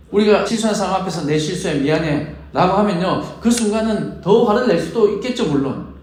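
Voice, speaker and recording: Male pastor preaching, kinda high voice, big echo in the church. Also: darkish tone. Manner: acts out quoted prayers, questions the congregation. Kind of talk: sermon. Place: church sanctuary. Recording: very echoey church hall.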